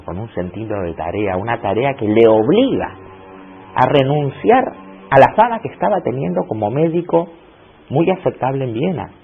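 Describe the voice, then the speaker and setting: Gravelly lecturer on a tinny recording. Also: male voice, sits low. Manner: reflective, with emphatic rising bursts and rhetorical questions. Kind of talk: lecture to a class. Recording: tinny lo-fi recording with faint hiss.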